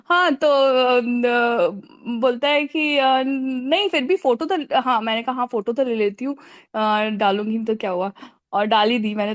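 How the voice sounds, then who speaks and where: A woman in her forties telling an animated story about meeting celebrities, laughing often and mixing in English phrases. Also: a little high, no room sound, clean studio sound. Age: 40s. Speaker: fan recounting a celebrity meeting. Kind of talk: casual storytelling.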